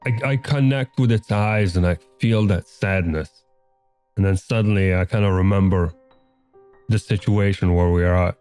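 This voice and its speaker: A man with a fairly low voice plays a tabletop game, describing his character's moves in a casual, easy way. Faint music plays behind him. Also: moderate pace, a little mellow, smooth. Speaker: player. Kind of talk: tabletop role-play.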